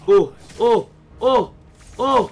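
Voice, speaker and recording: A young man streaming a game and trash-talking an opponent, taunting and bursting into shouted insults. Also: very high voice, drawn-out words, gravelly, soft background music. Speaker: gaming streamer. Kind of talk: mocking trash talk over game voice chat.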